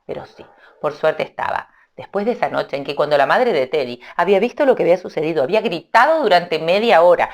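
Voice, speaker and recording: A woman narrating a children's story, speaking expressively and addressing young listeners directly. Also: on the low side.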